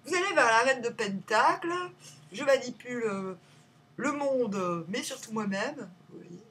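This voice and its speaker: A woman doing a casual tarot reading at home, rambling and playful, jumping between loud remarks and muttered asides. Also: fairly high pitch, lively intonation, a little slow, breathy edge, far from the mic. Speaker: tarot reader.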